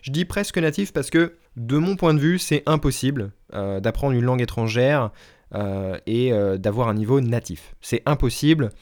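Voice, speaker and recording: A man's voice: medium pitch, animated, moderate pace, a little mellow. A man hosting a solo podcast who talks casually to his listeners, with frequent fillers and restarts. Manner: hesitant, many fillers, addresses listeners directly. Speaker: podcast host and language teacher.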